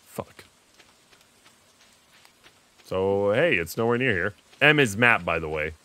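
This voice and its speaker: A man's voice: lowish voice, bright, forceful tone, no room sound. A young man giving casual gameplay commentary, crude and sarcastic, swearing often. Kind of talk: casual let's-play commentary.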